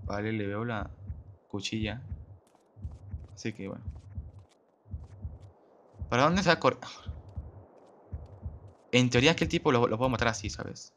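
A man commentates on his own gameplay. His voice is bright and forceful, and he keeps breaking into exclamations while speaking directly to his viewers. A faint hum of game ambience sits underneath. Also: mid-range voice, measured pace, long pauses. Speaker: gamer host. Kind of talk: let's play commentary.

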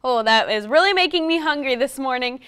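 A woman's voice: sits high, lively intonation, a little fast, fairly bright tone, clean tone, soft background music. Upbeat young news anchor woman. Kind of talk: scripted news presenting. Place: TV news studio.

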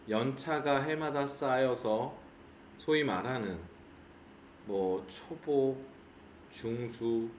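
Measured middle-aged man explaining in an echoey room. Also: mid-range voice. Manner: measured, explanatory, slows to stress points. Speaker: auction investor explaining cases. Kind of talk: explanatory video lecture. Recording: roomy echo, faint background hiss.

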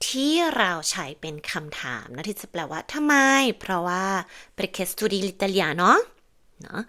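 A woman's voice: lowish voice, fairly bright tone. A woman, teaching Italian grammar in an online lesson and patiently explaining and repeating her examples.

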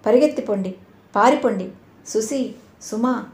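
A woman's voice: fairly high pitch, moderate pace, lightly acted. A woman voicing a young woman in great pain, speaking weakly and in anguish. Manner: pained, weak. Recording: roomy echo.

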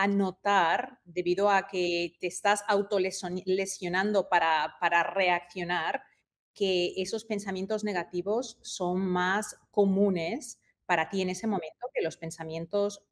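A woman's voice: on the low side, fairly even intonation, measured pace. A woman podcast host interviewing a guest, asking probing follow-up questions one after another.

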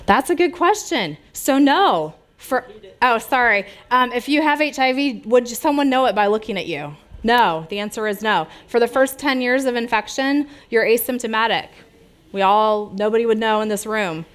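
A woman's voice: fairly high pitch, animated, moderate pace. A middle-aged woman from the United States giving an informal public health talk and answering audience questions in a small lounge, speaking conversationally and gesturing freely. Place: small lounge with brick walls, seated audience.

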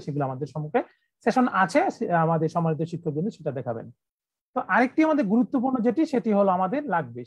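A man from Bangladesh runs an online training session for teachers, talking quickly in a high voice. He walks through each step with repetitions and frequent "uh" fillers. The sound is dry, dull and lo-fi, like video call audio. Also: no room sound. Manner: instructive, repetitive, many "uh" fillers.

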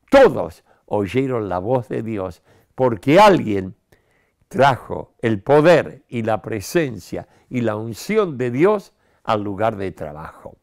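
Older male pastor, studio sermon to camera, emphatic and animated, gravelly tone, unhurried. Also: medium pitch. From Argentina. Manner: animated, emphatic, talks with his hands. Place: studio set with city backdrop. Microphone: lapel mic.

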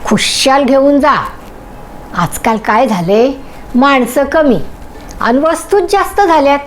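A woman's voice: high voice, lively intonation, slow, a little hiss or hum, poor audio. A woman voicing a nosy, hard-of-hearing grandfather of ninety-five who keeps asking questions. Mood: questioning. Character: deaf, nosy 95-year-old grandfather. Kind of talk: storybook character voice.

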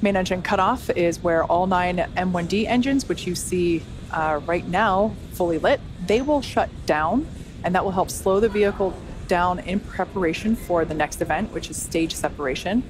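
A woman's voice: lowish voice, normal speed. A woman hosting a launch webcast, giving conversational, explanatory live commentary. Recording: faint background noise.

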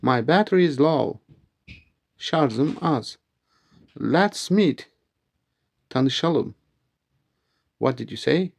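A man teaching a language lesson, saying English phrases slowly and clearly and then giving their meanings. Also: mid-range voice, lively intonation.

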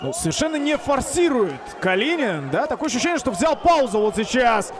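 A man giving excited live commentary on a fight as a commentator. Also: very high-pitched, fairly quick, crowd noise.

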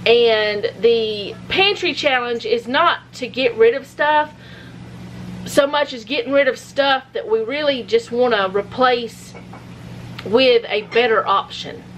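Slowly and in a fairly high voice, a home cooking vlogger chats her way through making supper, rambling with self-deprecating jokes. She's a middle-aged woman in her own kitchen, where food fries with a loud sizzle. The recording is low quality, with slight background noise.

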